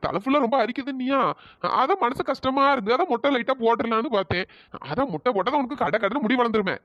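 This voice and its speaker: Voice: mid-range voice, quick pace, dry recording, dull audio, lightly acted. A performer voicing a timid, stammering, henpecked husband in a cartoon. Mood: fretful pleading. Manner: stammering, pleading. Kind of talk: cartoon voice acting.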